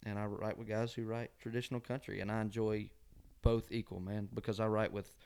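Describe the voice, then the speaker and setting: A man's voice: fairly low pitch, level tone, brisk, vocal fry, darkish tone, clean tone. A man from Georgia with a Southern accent and a nasal twang, chatting casually and folksily as a musician guest in an interview. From Georgia, USA. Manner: folksy, often ends phrases with "man". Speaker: country singer-songwriter guest.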